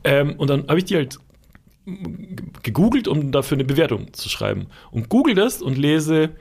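A man's voice: a little high, big pitch swings, normal speed, vocal fry, breathy edge. A man in his thirties co-hosting a casual podcast chat, rambling through a story with fillers and restarts. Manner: shouts out quoted lines when retelling. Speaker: podcast co-host.

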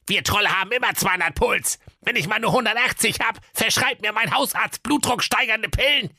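A squeaky snappy delivery troll. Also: male voice, brisk, bright, forceful tone, dry recording, clean studio sound, full character voice. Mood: grumpy. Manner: snappy, insulting, rude. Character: grumpy foul-mouthed male delivery troll. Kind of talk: comic fairy-tale reading.

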